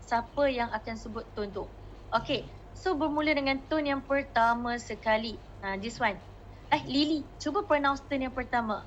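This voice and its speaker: A woman's voice: fairly high pitch, normal speed, lo-fi sound, a little hiss or hum. A woman with a Malaysian Malay accent teaching a Mandarin class, coaxing students and modeling the tones as she mixes languages.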